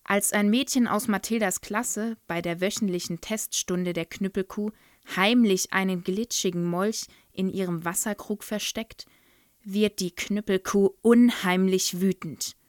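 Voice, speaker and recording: A woman presents a children's book and tells its story in a clear, even way. Her voice sits in a middle register and is recorded dry and close, with no room echo. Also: mid-range voice, measured pace. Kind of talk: book presentation with read-aloud excerpt.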